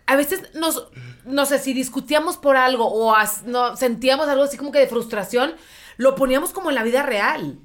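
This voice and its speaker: Quick high-voiced woman chatting. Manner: quick, interjecting, emphatic. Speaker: guest. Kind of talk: casual podcast chat.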